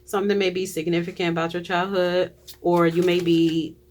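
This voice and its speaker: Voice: mid-range voice, flat delivery, moderate pace, a little mellow, slight background noise. A tarot reader giving a casual reading to viewers, chatty, often trailing off and restarting, with frequent laughs.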